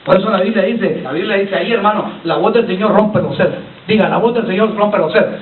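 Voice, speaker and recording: High-voiced man preaching in an echoey church. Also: fast talker, slight background noise. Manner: preachy, calls on the congregation to repeat lines; keeps addressing listeners as brother. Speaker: pastor. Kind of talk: sermon. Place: church hall. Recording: echoey far-off church recording over a lo-fi line.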